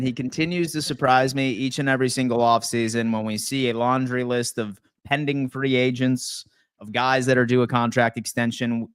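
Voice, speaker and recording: Guy hosting a call-in livestream, hyped and slangy, smooth clear voice, dry close mic. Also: medium pitch, no room sound. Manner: hyped, slangy, keeps saying "man". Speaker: live-stream call-in show host. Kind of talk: casual call-in chat.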